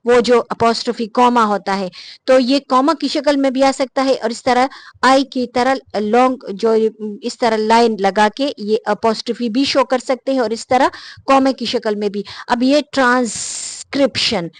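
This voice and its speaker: A woman gives a casual spoken lesson on phonetic transcription in a slightly high voice. She talks patiently, pauses on frequent fillers and repeats example words slowly. The recording is close and dry, with no room sound. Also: dry recording. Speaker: English phonetics teacher.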